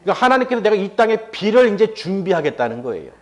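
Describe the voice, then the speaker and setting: A man's voice: high-pitched, sing-song, fast. A male pastor giving a sermon. He tells the story with acted-out dialogue and asks the congregation questions.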